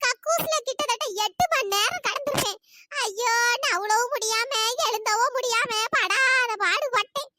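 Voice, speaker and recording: A woman voicing a scheming, gossiping old village woman in a comic skit, with a shrill, chattering manner. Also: moderate pace. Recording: noisy home recording.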